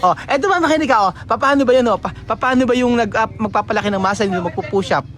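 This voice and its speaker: A man's voice: very high-pitched, a bit bright. Playful Filipino man coaxing outdoors. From Philippines. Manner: playful, coaxing, many halting restarts. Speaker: vlogger. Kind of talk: casual vlog chat.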